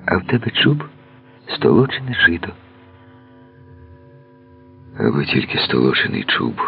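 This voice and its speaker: A man voicing a gentle, troubled young village man who speaks quietly and with restraint, heard on a tinny lo-fi radio recording. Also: low voice, sing-song, measured pace, creaky, heavily acted. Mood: tender.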